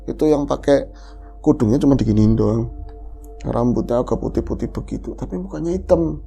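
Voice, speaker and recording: Gravelly woman telling a ghost story. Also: extremely low pitch, fairly quick, soft background music. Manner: lively first-person storytelling with voiced quotes. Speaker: horror story podcast host. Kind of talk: retelling a listener's ghost story.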